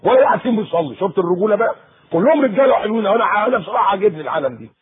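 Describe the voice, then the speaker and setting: A man preaching to teenagers in Egyptian Arabic, in a colloquial, animated sermon with acted-out asides. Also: high voice, very fast, slightly rough. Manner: animated, acts out a teen and mother in quoted asides. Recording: tinny lo-fi phone-like tape.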